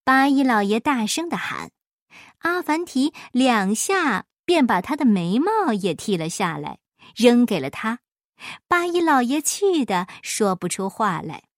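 Field: storytelling. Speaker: woman reading a children's story. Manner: expressive, slow. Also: on the high side, dry recording, studio quality. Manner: expressive, measured.

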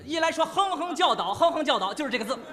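A male crosstalk comedian tells his tale in an animated, blustering way, stumbling over his words and laughing often. His voice is unusually high and bright for a man. It carries the long echo of a stage hall. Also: fast talker, slight background noise. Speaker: lead comedian in a crosstalk duo. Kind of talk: comic crosstalk storytelling on stage.

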